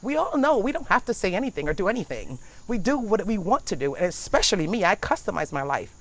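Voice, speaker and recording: A woman's voice: medium pitch, big pitch swings, fast talker. A middle-aged woman hosting a casual motivational chat outdoors in a backyard, talking in a blunt, emphatic, preachy way. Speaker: livestream host.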